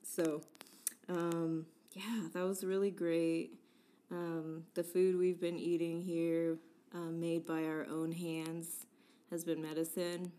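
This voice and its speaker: A woman's voice: on the low side, level tone, takes it slowly, dark tone, slight background noise. A woman co-hosting a casual chat show, chatty and playful, often laughing and leaning on words for emphasis. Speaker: podcast co-host.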